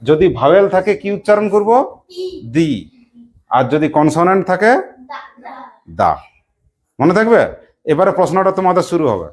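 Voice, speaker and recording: A teacher giving a classroom lesson, quizzing pupils with repeated questions and briskly praising correct answers. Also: mid-range voice, animated, a little mellow.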